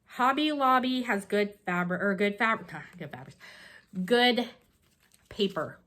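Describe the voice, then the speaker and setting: A woman with a sniffly, stuffed-up voice chats casually as a co-host. She talks in an ordinary middle pitch. She rambles and often restarts her sentences. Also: expressive, a little slow, fairly bright tone. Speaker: co-host showing cross-stitch projects. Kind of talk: casual chat.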